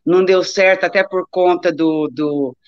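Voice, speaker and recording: In a lowish, steady voice at a moderate pace, a middle-aged Brazilian woman from Rio, raised in Taubaté, chats informally about her life as an interview guest. She works as a doctor and competes as an amateur athlete, and tends to digress and repeat words for emphasis. The live-stream recording is echoey, dull, and lo-fi.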